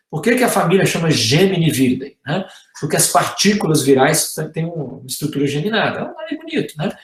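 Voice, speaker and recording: Lively Brazilian man lecturing. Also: a little high, echoey room. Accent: Brazilian Portuguese. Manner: explanatory, tags sentences with "né?" and "tá?". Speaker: guest lecturer, virologist professor. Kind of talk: university lecture.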